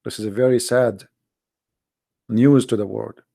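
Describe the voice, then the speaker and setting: A religious polemicist hosting an informal, impassioned monologue, this native Arabic speaker has an Arabic accent and a mellow, mid-range voice with vocal fry. His tone stays steady and unhurried as he makes blunt, emphatic points, repeating phrases and asking rhetorical questions. It's recorded at studio quality with no echo.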